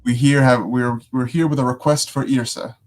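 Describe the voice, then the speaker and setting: Man playing a measured, diplomatic fantasy archer. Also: medium pitch, fairly even intonation, a little hiss or hum, natural voice. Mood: placating. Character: cautious fantasy archer pleading peace with a troll.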